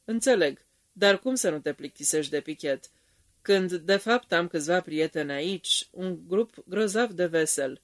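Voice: medium pitch, animated, no echo, clean studio sound, natural voice. A reader voicing a cheerful young man talking eagerly.

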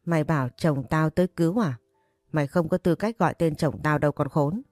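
A woman voicing a jealous, cruel young wife who threatens and taunts in a low, warm voice. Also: brisk, no room sound, faint music behind, close to an everyday voice. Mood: furious. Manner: taunting, menacing.

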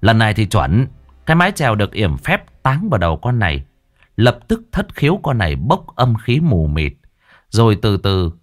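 A man narrating a ghost story in a dramatic storytelling manner. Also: on the low side.

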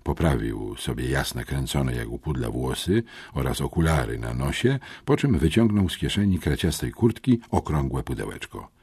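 A man narrating a children's adventure audiobook in an expressive, dramatic storytelling manner. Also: very deep voice, moderate pace, few pauses, breathy edge, no echo. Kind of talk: scripted first-person storybook narration.

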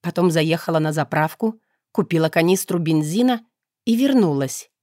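A woman's voice: low-pitched, animated, moderate pace, darkish tone, dry recording. A woman reading a first-person audiobook in a wry, conversational manner, close to the mic. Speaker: audiobook narrator.

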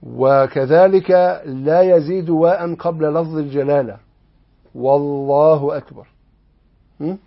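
Egyptian male religion teacher, husky voice, questioning style of explaining, lo-fi recording. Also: on the high side, moderate pace, few pauses. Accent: Egyptian Arabic. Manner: explanatory, asks the class rhetorical questions. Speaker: Islamic law teacher. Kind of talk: explaining a legal text in a lesson. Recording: dull lo-fi lesson recording.

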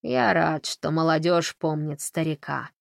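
A man's voice: on the high side, lively intonation, unhurried, creaky, no room sound, clean studio sound, full character voice. Woman voicing a courtly old professor. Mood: polite. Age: older. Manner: polite, mild, curious. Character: courteous elderly male professor, investigator.

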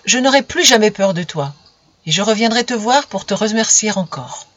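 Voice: mid-range voice, expressive, moderate pace, fairly bright tone, lo-fi sound. A reader voicing a frightened ten-year-old peasant boy who pleads in a raised, strained voice, in a storybook reading. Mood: grateful.

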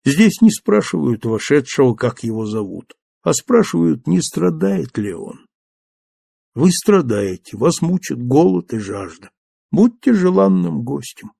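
Guy reading as a calm kind old bishop, soft gravelly voice, dry. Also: a little high, a little slow, no echo, heavily acted. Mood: gentle. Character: gentle elderly bishop, calm and kindly. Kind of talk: audiobook character reading.

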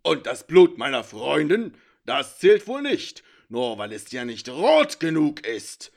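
A man's voice: a little high, big pitch swings, takes it slowly, creaky, pitched above the performer's own voice, heavily acted. A man voicing an angry male centaur warrior who barks his words in indignation. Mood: furious. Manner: barking, indignant.

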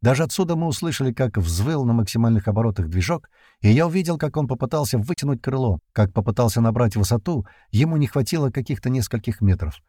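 A man narrating an adventure audiobook in the first person, in a steady storytelling manner. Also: medium pitch, fast talker, dry recording, studio quality.

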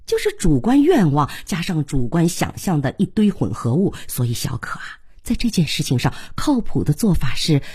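A woman's voice: deep voice, very animated, normal speed, hardly any pauses, breathy edge, heavily acted. Woman reading a lecturing, stern mother. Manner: lecturing, sharp, talks on and on. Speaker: mother of the daughter. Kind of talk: audiobook character reading.

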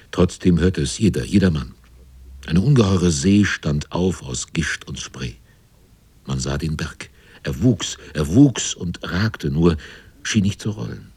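A man's voice: very deep voice, a little mellow, husky, dry recording. A man narrating a sea story in a radio drama, grave and intense.

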